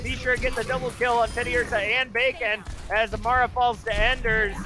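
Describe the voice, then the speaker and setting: A man calling live esports action as play-by-play caster, fast and excited. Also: very high-pitched.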